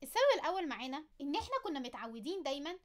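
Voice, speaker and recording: High voiced egyptian girl doing anime commentary, super fast, excited fan, playful and chatty with viewers. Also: a little hiss or hum. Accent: Egyptian Arabic. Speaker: anime video host. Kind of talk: casual anime commentary to camera.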